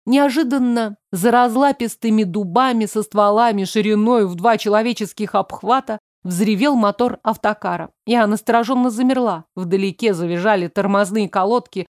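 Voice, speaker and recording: A woman narrates a first-person story with an expressive, lively reading. Her voice sits fairly high, and the recording is close and dry with no room sound. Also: no room sound. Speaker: audiobook narrator. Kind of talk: scripted narration.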